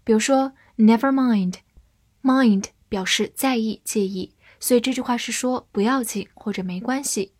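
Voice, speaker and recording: A woman teacher walks through English vocabulary at a slow, steady pace, spelling each word out and then reading example sentences aloud with care. Her voice sits a little high, and it is recorded close and dry with no room sound. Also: no echo. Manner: spells words letter by letter and reads sentences slowly. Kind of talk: scripted vocabulary lesson.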